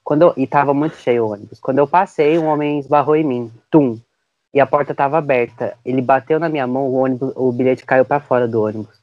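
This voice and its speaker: A teenage boy co-hosting a podcast, telling lively stories in casual chat and acting out the voices of people in them. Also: mid-range voice, fast, dull audio. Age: teens. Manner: animated storyteller, acts out voices. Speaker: podcast co-host.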